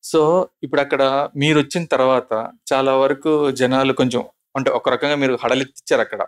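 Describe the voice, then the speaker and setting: A man's voice: mid-range voice, level tone, a little fast. A male interviewer asking long, respectful, probing questions.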